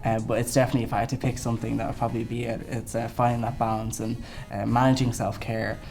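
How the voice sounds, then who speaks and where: For a student election campaign video, an Irish man in his twenties with a Dublin accent responds to questions sincerely and with frequent ums. He speaks fast at a medium pitch with little variation, his voice creaky and a little mellow, over background music.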